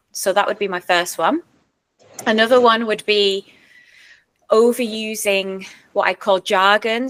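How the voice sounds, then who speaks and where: A woman talks as a speaking coach and speech therapist, laying out her points one by one in a steady, mid-pitched voice. Her explanations are clear and structured, and now and then she demonstrates a technique with her own voice. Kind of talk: expert answering interview questions.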